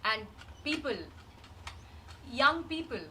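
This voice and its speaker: A woman playing a grieving, wistful woman in a rehearsed reading of a dramatic monologue, measured and halting with long pauses. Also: high voice, pushed and bright, full character voice. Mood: grave, explanatory. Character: grieving woman recalling a dead loved one, wistful and searching. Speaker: actor in a rehearsed reading of a play. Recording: distant microphone, faint background noise.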